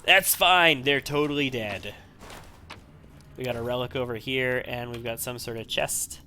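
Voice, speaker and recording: A man's voice: medium pitch, a little slow. A man giving casual, analytical gameplay commentary, sometimes repeating himself as he thinks. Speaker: video game let's player. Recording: faint background noise.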